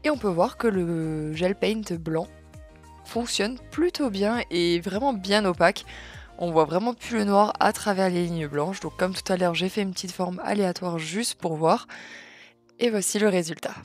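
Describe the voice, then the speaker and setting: Woman chatting through a nail polish haul, excited, repeats herself, soft music behind. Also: on the low side, normal speed. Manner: chatty, enthusiastic, repeats "très, très". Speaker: nail art vlogger. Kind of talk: product haul review.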